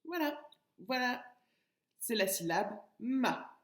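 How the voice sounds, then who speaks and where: A woman's voice: fairly high pitch, sing-song, slow, echoey room. A woman teacher giving a recorded lesson to young children, speaking patiently and addressing the child directly. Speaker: kindergarten teacher.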